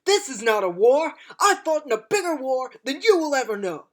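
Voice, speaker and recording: A woman's voice: medium pitch, very animated, measured pace. A woman playing an impassioned war veteran pleading for peace in a theatrical, rousing dramatic monologue. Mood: impassioned, anguished. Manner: theatrical, swinging from hushed to shouted. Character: impassioned, unforgiving-yet-forgiving time-traveller war veteran pleading for peace.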